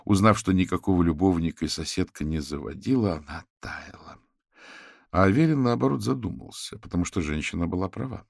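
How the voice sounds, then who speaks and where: Gravelly low male audiobook narrator. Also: lively intonation, a little fast, dry recording, studio quality. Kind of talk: scripted narration.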